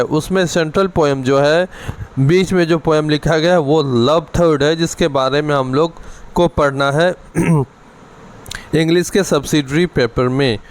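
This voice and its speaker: Speaking slowly and deliberately with an Indian English accent, a man teaches an exam-prep lesson, moving between Hindi and English. His voice is on the high side and smooth, though the recording is rough.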